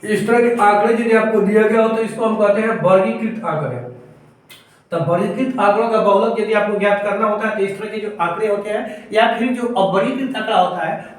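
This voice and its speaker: A male math teacher, explaining a lesson step by step and answering his own questions. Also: high voice. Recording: echoey room, voice far from mic.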